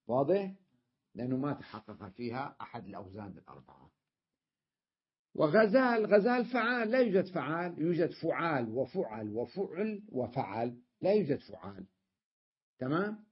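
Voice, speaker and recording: A man's voice: a little high, slightly rough, lo-fi sound. A man teaching a grammar class, explaining step by step and often checking that his students follow. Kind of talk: classroom lesson.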